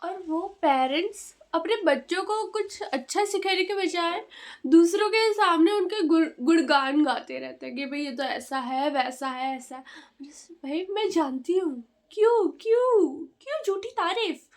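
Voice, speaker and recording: A woman's voice: extremely high pitch, a little slow. A young woman telling casual storytime stories in a chatty vlog, feeling weak and feverish. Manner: chatty, exclaiming, frequent fillers and repeats. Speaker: vlogger.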